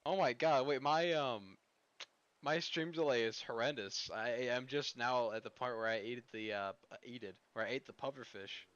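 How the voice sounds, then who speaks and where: A man's voice: medium pitch, normal speed, no room sound, highs cut off. Rambling, cursing male streamer. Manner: rambling, profane, excitable outbursts. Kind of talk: live-streamed gaming chat.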